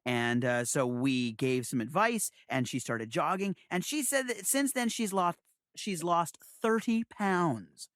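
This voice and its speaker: A man's voice: mid-range voice, big pitch swings, unhurried, hardly any pauses, a bit bright, dry recording, clean studio sound. A man co-hosting a casual chat show, rambling with frequent restarts and chuckles. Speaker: co-host.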